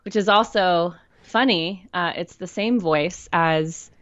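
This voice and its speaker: A woman getting over a cold chats as a podcast guest, and her congestion comes through faintly. Her voice sits low for a woman, and she keeps a teasing tone. The recording is dry and a little dull. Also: slow pace, fairly bright tone, no echo. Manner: joking, teasing. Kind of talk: casual chat. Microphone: new studio microphone.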